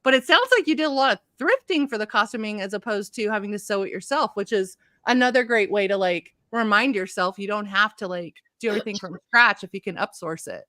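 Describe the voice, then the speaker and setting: A woman's voice: medium pitch, fast talker, few pauses, pushed and bright, dry recording, studio quality. A woman hosting a podcast, chatting casually and enthusiastically with lots of fillers. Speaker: podcast host. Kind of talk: casual interview chat. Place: lives in Los Angeles.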